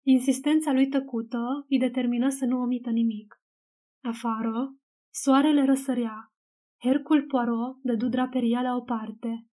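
Narator femeie pentru audiobook polițist, voce înaltă și moale, lectură măsurată. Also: female voice, on the high side, fairly even intonation, warm tone. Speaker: audiobook reader. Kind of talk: audiobook narration.

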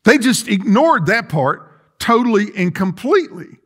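Preaching in a large church sanctuary full of chairs in rows, a middle-aged pastor paces and gestures. He has a high-pitched, very animated, fairly bright voice at a moderate pace, and he restarts earnestly.

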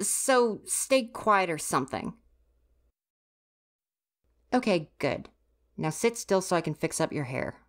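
Grudgingly helpful, the low-voiced stagehand speaks straight to the listener in this ASMR roleplay, a young university-age character played by a woman. She remains grumpy, huffy and quick to get flustered, sighing reproachfully and exasperated.

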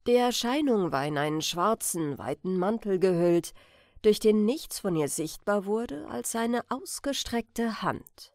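A woman reads a classic tale aloud as a bedtime audiobook, calm and measured. Her pace is slow and her melody rises and falls freely over a faintly gravelly texture. The sound is dry and close to the mic. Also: mid-range voice, no echo. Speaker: audiobook reader. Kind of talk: scripted narration of a bedtime audiobook.

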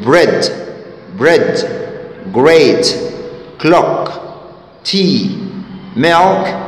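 A man with an Egyptian Arabic accent teaching English vocabulary to young pupils, repeating each word slowly and correcting its pronunciation. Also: a little high. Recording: echoey room with faint background noise.

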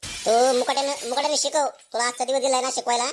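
A woman's voice: high voice, little pitch movement, very fast, slight background noise, close to an everyday voice. A woman voicing a scolding male schoolteacher who hurls comic insults at his pupils in a village comedy skit. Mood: angry.

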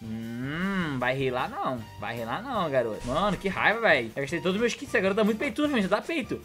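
A man's voice: fairly high pitch, sing-song, fast, a bit bright, faint music behind. Hyped young man commentating a game. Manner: hyped, slangy, keeps addressing viewers as family. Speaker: gaming youtuber. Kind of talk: excited live gameplay commentary. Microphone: headset.

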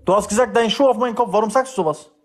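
Brief: young man, high and rapid, mocking and defensive in a livestream quarrel. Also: over a noisy crowd. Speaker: live stream participant. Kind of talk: heated casual argument.

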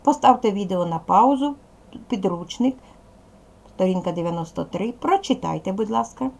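A woman's voice: medium pitch, lively intonation, moderate pace, gravelly, a little mellow. A woman teaching a video lesson to young pupils, patient, asking questions and answering them herself. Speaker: primary school teacher.

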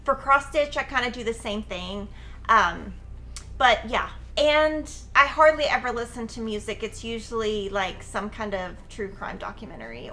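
A woman's voice: a little high, sharp tone. A woman in her forties hosting, chatting in an upbeat, talkative way in a studio. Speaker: host. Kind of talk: casual chat. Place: studio with Christmas tree.

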